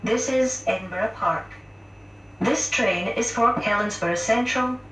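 A woman's automated train announcements, made of spliced together recorded words in an even, formal manner. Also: mid-range voice, a little slow. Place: inside a moving train carriage. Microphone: train public address speaker captured from a distance. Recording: distant echoey train loudspeaker with noise.

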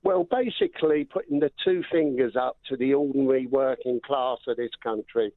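A man's voice: medium pitch, big pitch swings, moderate pace, dry recording. An older man from England, a phone-in caller heard over a tinny phone line, ranting about politics and repeating himself as he speaks. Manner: angry, repeats words and trails off. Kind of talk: political rant on a call-in show.

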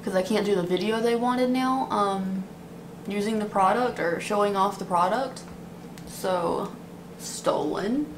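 A woman's voice: mid-range voice, a little slow. A woman in her twenties chatting casually to camera, complaining at length like a vlogger venting. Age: 20s. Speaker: beauty vlogger. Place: small dim apartment room, indoors. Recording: clearly noisy room recording.

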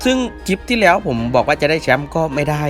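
Excitable young man, high lively voice. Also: quick pace, soft background music. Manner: excitable, loud exclamations and swearing. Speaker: gaming channel host. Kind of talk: excited gameplay commentary.

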